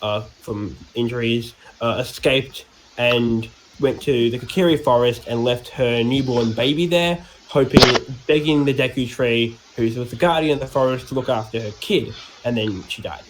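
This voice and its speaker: A man's voice: medium pitch, moderate pace, background noise. An Australian man co-hosting a podcast, casually recapping game lore in a rambling, joking way with many fillers and restarts. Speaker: podcast co-host.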